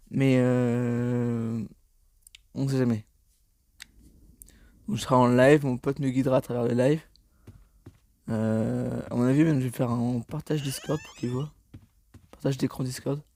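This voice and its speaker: A man's voice: mid-range voice, dark tone, no room sound. A tired young man commentating his gameplay casually, rambling, stammering and swearing as he plays. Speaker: gaming YouTuber.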